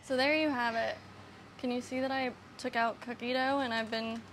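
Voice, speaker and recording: A young woman rambles through a casual vlog about her new camper, moving between the trailer and the outdoor land around it. Her slightly high voice is fairly bright and steady at a moderate pace, with a little hiss or hum underneath. She's chatty and self-mocking, swearing offhandedly and laughing often.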